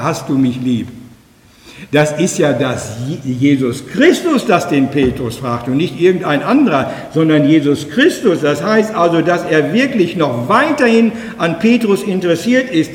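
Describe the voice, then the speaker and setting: A man preaching a sermon in an earnest way, slowing down for emphatic quoted lines. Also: on the high side. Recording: echoey hall with long reverb.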